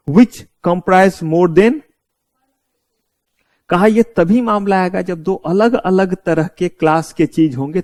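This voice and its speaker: Indian male law lecturer, slightly high voice, explains by firing rhetorical questions at students. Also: a little mellow, dry recording. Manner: mixes English terms into Hindi. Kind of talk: classroom lecture.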